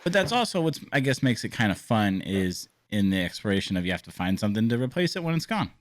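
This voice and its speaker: A man co-hosting a casual podcast, animated, laughing often and restarting his sentences. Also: fairly low pitch, quick pace. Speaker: podcast co-host. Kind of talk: casual chat.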